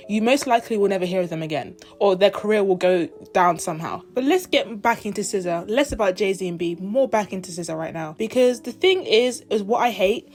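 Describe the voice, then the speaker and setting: A woman's voice: medium pitch, a little mellow. A 21-year-old woman from the United Kingdom and Zimbabwe, ranting casually in an opinion vlog. She talks in an emphatic, indignant way and mimics other people in quoted asides. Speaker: vlogger.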